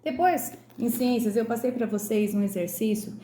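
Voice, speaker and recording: A Brazilian woman, a primary school teacher, going through a workbook lesson slowly and clearly, sounding out syllables. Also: on the high side, mellow, reverberant. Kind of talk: recorded lesson correcting a workbook.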